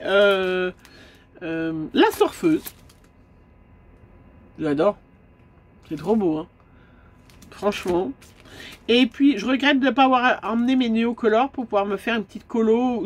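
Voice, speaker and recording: Woman, stuffy nose, slightly high voice, chatty, lots of fillers, camper van. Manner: chatty, many fillers and asides. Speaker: craft vlogger. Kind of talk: casual haul chat.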